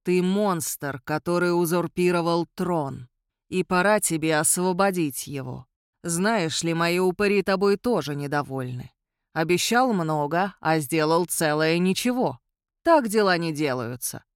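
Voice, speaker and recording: A woman reading an audiobook voices an ancient male vampire count who speaks in a quiet, measured and coolly superior way. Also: fairly high pitch, lively intonation, clear, resonant tone, no room sound, studio quality. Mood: calm, solemn. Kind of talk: audiobook character voice.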